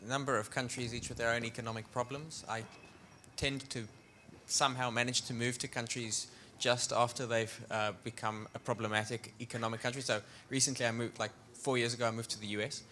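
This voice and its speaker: A man's voice: mid-range voice, little pitch movement, brisk, bright, forceful tone, slight background noise. A man introducing himself on a conference panel in a wry, amused way.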